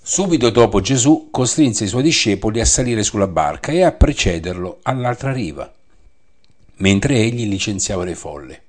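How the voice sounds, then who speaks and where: A man leads a Bible study, reading scripture aloud and explaining it in a measured way that repeats the references. His voice is on the low side and animated.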